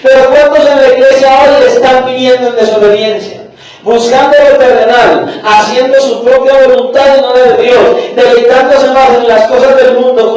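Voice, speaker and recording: High-pitched man preaching, echoey hall. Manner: fiery preaching, rising to shouts. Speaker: pastor. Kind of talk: sermon. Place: church hall. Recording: echoey church hall, mic at a distance.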